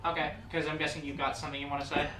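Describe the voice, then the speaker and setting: A man's voice: on the high side, flat delivery, racing, sharp tone. A man playing a tabletop game in a casual, hesitant way, recorded far from the mic in an echoey, noisy room. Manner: hesitant, fillers. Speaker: player.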